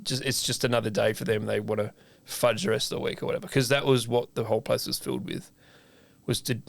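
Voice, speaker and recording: An Australian chef who co-hosts a podcast chats casually and animatedly, acting out both sides of a conversation and swearing freely. His voice sits on the low side with fairly even intonation, fast delivery, and vocal fry, in a dry recording.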